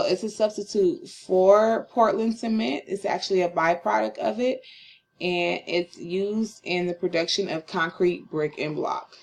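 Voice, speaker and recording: A woman's voice: medium pitch, creaky. A tired young woman giving a rambling class presentation, speaking casually with fillers, slightly slurring after a long day. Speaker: student presenter.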